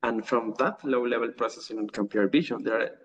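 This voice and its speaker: A man's voice: medium pitch, fast. Man lecturing. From Ecuador. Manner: hesitant, many fillers and restarts. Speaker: guest lecturer. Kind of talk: online academic talk. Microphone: video call. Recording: distant, dull video call audio.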